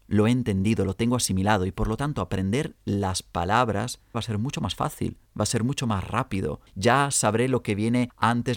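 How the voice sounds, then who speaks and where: Man, acting coach, deliberate teaching lesson, gravelly voice, dry close sound. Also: lowish voice, no room sound. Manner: clear, deliberate instruction addressed to students. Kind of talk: lesson on memorizing scripts.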